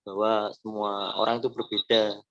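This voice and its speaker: Man, moderator, low flat voice, hesitant, dry lo-fi video-call sound. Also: normal speed, no room sound. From Java. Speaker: webinar moderator. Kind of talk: casual moderation.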